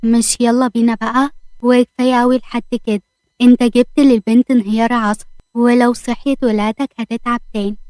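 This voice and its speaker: A woman's voice: fairly high pitch, flat delivery, fairly quick, darkish tone, no echo, lightly acted. A woman voicing a blunt, impatient young man. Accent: Egyptian.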